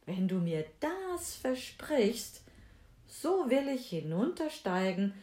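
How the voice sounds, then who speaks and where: A woman's voice: fairly high pitch, sing-song, slow, dark tone, voice pushed up. A woman voicing a male talking frog in a fairy tale reading, coaxing and insistent, in a roomy echo.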